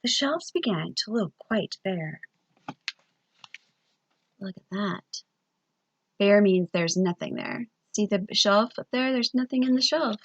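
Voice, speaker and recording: A woman librarian reading a picture book aloud to children, with expressive sing-song storytelling and questions to her young listeners. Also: mid-range voice, takes it slowly, long pauses, breathy edge, no echo, lo-fi sound.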